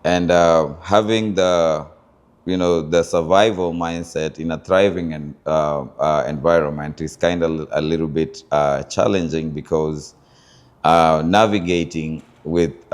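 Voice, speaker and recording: A Kenyan man with a notably low voice talks through his story as an interview guest. He speaks reflectively, pausing often with fillers while he searches for the right words. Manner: thoughtful, searching for words with many pauses and fillers. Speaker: interview guest, founder of a culture group.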